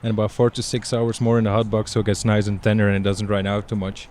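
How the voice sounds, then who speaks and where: A young man from Belgium, a chef, calmly describing dishes in a casual interview. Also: on the low side, a little hiss or hum. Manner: plain, unhurried descriptions with fillers.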